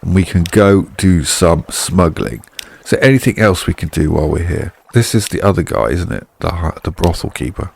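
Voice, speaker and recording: A man's voice: low-pitched, lively intonation, moderate pace, vocal fry, breathy edge. A man hosting a video game playthrough, chatty and offhanded, reading the game's narration aloud and then commenting on it.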